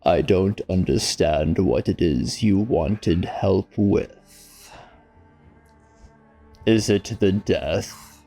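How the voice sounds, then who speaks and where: A man voicing a sassy, grudging shadow patron spirit with a low gravelly voice and a deliberate, condescending delivery. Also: faint music behind. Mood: grave, unhelpful. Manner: slow, deliberate, deadpan condescension.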